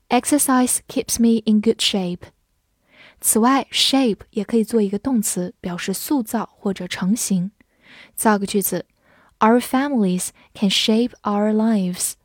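Woman English teacher, unhurried vocabulary lesson, dry close mic, spells words out. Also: medium pitch, no echo. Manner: reads example sentences slowly for repetition.

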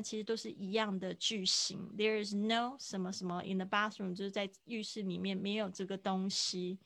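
A woman patiently explains English phrases to students in a live online class. Her voice has a gravelly edge, and the sound is dry and close, with no room behind it. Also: mid-range voice, no room sound. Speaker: English teacher.

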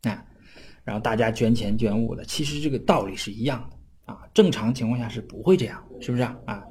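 A man giving a casual explanatory lecture on classical texts. He talks in a chatty way, often checks in with his listeners, and slows down to read old passages aloud. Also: mid-range voice, darkish tone, husky. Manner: chatty, often adds tag questions for listeners.

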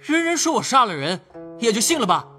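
A blustering young hothead, played by a man in an audio drama, pitched high with a bright, cutting tone and a husky grain. His voice swings wildly up and down as he rants, and faint music plays behind him. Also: very animated, a little fast, heavily acted. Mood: angry. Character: hot-headed young man, blunt and quarrelsome.

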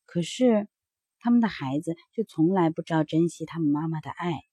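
A woman narrating a children's bedtime story in a gentle, expressive storytelling manner. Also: low voice, normal speed, breathy edge, no echo, studio quality.

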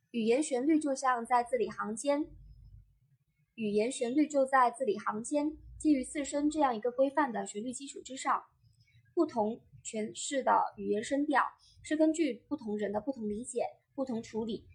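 Husky-voiced woman teaching voice acting. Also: a little high, a little mellow. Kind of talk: scripted instructional narration.

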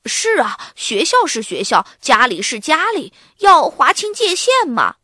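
A woman's voice: high-pitched, huge pitch swings, a little slow, sharp tone, no echo, studio quality, pitched above the performer's own voice, exaggerated voice. A woman voicing a matter-of-fact boy rabbit who backs up his best friend. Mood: agreeing.

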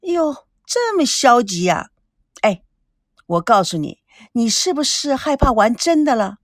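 Quick-tempered, scolding young woman, read by a woman; lively, dry audiobook read. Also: a little high, no echo. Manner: sharp, scolding, defensive.

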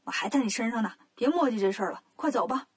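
A woman voicing a clever, brisk male monkey king in a children's story. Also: on the high side, animated, husky.

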